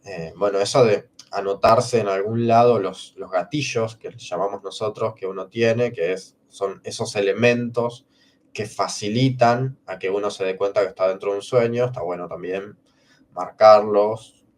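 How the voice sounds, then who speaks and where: A man's voice: on the low side, steady tone, normal speed, distant mic. A man co-hosting a livestream workshop, explaining emphatically and checking in with listeners. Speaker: workshop co-host. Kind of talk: casual teaching on a livestream.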